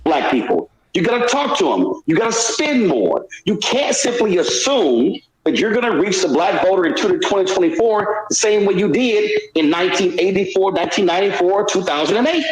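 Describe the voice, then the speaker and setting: Male commentator, high and animated, insistent, echoey recording. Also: normal speed. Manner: insistent, emphatic lecturing. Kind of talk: broadcast commentary.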